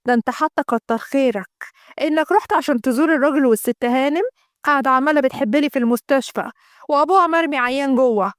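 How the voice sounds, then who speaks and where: A woman's voice: sits high, fast talker, no room sound, studio quality, close to an everyday voice. A woman voicing a spiteful, scheming Egyptian mother who eggs on her son. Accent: Egyptian Arabic. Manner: spiteful, scornful.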